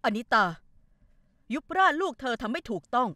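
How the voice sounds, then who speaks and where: A woman's voice: sits high, expressive, normal speed, pushed and bright, no echo, clean studio sound. Stern, scolding mother. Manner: scolding, haughty. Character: stern middle-aged mother of the house. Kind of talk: dubbed TV drama acting.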